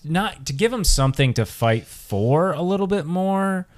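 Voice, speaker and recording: A man's voice: high voice, expressive, normal speed. A man co-hosting a podcast in casual chat, rambling with many restarts. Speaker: podcast co-host.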